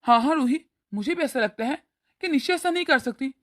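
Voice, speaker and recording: A woman voicing a calm, reasonable young man of the family in a Hindi cartoon, speaking in a conciliatory way. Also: high voice, brisk, dry recording, clean studio sound.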